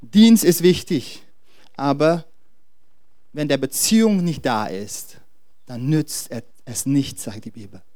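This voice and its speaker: This sermon comes from a pastor whose medium-pitched voice is mellow, with lively intonation, captured at studio quality with no room sound. He talks straight to his congregation, hunting for words and starting over in halting restarts.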